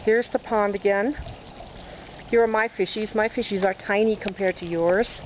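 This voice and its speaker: A woman's voice: medium pitch, steady tone, normal speed. A woman giving a chatty, self-deprecating walking tour of her sunny backyard garden, narrating as she goes. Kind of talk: casual walking video tour. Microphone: handheld camera mic. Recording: dull lo-fi camcorder audio with outdoor noise.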